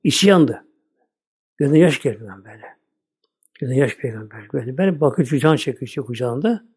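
A man's voice: medium pitch, expressive, brisk, a little mellow, slightly rough. An older man giving an informal religious talk as a teacher, rambling and repeating the same filler word constantly.

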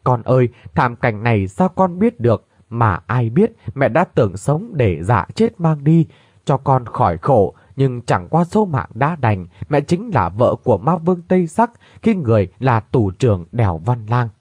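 A man's voice: medium pitch, sing-song, moderate pace, darkish tone, no room sound. A man voicing a grieving middle-aged mother who tells her story through sobs in a read-aloud tale. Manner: sobbing, trembling lament.

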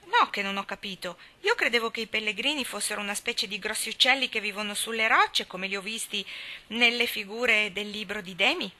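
A woman's voice: medium pitch, fairly quick, pushed and bright. A woman reading aloud and voicing a small, innocent, puzzled boy in a storybook.

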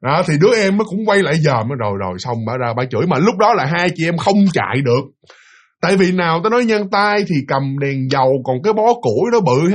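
A man with a Southern Vietnamese accent telling a ghost story casually, rambling and repeating himself while addressing his listeners. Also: high voice.

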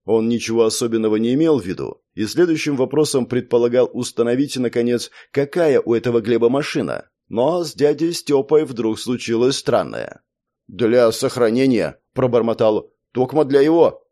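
Mellow-voiced man narrating an audiobook. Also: mid-range voice, lively intonation, a little fast, few pauses. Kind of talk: scripted narration.

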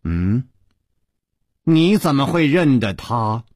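A man voicing a cold, imperious woman who rules a martial sect, in a low, slow, menacing delivery with a husky edge. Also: sing-song, a little mellow, no room sound, clean studio sound, heavily acted. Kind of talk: traditional storytelling broadcast.

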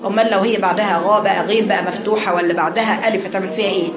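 A woman's voice: mid-range voice, steady tone, very fast, a crowd in the background. Egyptian lady teaching quran recitation, repeats syllables over and over, roomy echo, class noise behind. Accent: Egyptian Arabic. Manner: demonstrates sounds by repeating syllables, corrects students directly. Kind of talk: classroom lesson on tajweed. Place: classroom with female students.

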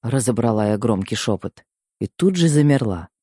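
A man narrating a first-person audiobook with expressive storytelling at a middle pitch. His intonation rises and falls in a lively way. The recording is dry and close, with no room echo. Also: moderate pace, slightly rough. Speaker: audiobook reader.

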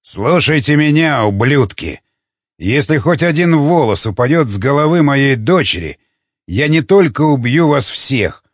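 A man's voice: medium pitch, lively intonation, unhurried, no room sound. Guy reading a vicious furious hunter dad from a grim audiobook, snarly and threatening, voice jumping all over, dry dull sound. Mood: menacing. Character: brutal enraged male hunter, father of a kidnapped daughter.

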